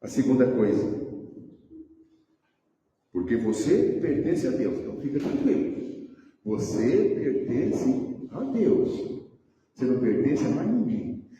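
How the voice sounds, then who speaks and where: Man, Brazilian Portuguese accent, pastor preaching, mellow tone, emphatic and repetitive, roomy church hall. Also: mid-range voice, sing-song, slow pace, pauses often, a little hiss or hum. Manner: emphatic preaching, repeating phrases and calling out names. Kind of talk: sermon. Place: church sanctuary. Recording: echoey church hall, voice from far off the mic.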